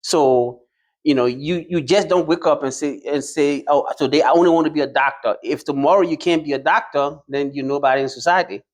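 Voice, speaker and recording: A man's voice: a little high, fairly quick. A man from Liberia answering interview questions as a truck driving school graduate, hesitant, with many fillers and restarts.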